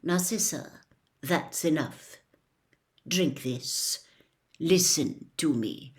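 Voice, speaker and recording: A cold, secretive wizard, played by a woman reader from a storybook. He speaks low, hushed and slowly, with controlled, measured menace. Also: expressive, full character voice. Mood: firm, quiet. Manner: quiet, slow, coldly measured. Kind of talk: audiobook character voice.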